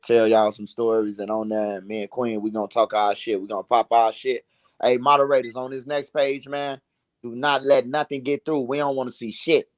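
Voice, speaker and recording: A man's voice: medium pitch, a little mellow, no room sound. A man hosting a livestream, chatting and telling stories casually in slangy, profanity-laced street talk. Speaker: livestream host. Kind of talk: casual livestream chat and storytelling.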